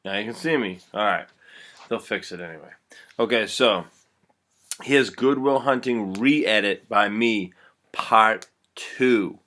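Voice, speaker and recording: A man's voice: fairly low pitch, slow pace, sharp tone. A man casually retelling a movie scene his own way, rambling and swearing a lot. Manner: crude, rambling, profane. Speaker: vlogger.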